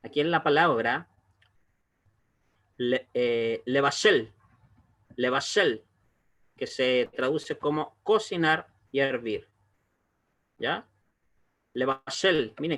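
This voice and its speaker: A man teaching an online language lesson, explaining slowly and patiently and often pausing to check that students follow. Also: on the high side, a bit bright. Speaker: Hebrew teacher.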